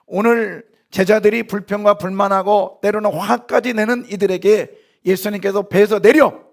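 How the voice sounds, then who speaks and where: A man preaching a sermon in a church, lively, asking the congregation questions and answering them himself, now and then acting out short lines. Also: high-pitched, normal speed, gravelly. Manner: acts out short quoted lines in sharp voices. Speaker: pastor. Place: church sanctuary.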